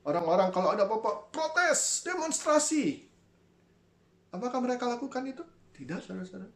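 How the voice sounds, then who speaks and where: A pastor giving an online sermon in an animated way, often addressing listeners as brothers and sisters and acting out voices. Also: medium pitch, a little fast, reverberant. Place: church.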